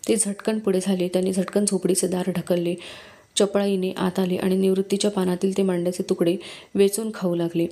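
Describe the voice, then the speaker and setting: A woman reading a storybook aloud in steady, measured narration. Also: mid-range voice. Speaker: book reader.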